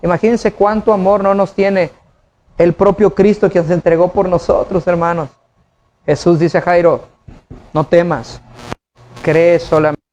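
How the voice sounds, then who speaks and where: Pastor guy, high-ish voice, preaching casually, keeps asking the congregation questions. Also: level tone, moderate pace, darkish tone. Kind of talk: sermon. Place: church.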